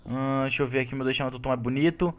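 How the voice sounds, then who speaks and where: Fast-talking joking male gamer. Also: mid-range voice, steady tone. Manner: joking, self-deprecating, talks to viewers. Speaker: gaming video co-host. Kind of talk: casual gameplay chat.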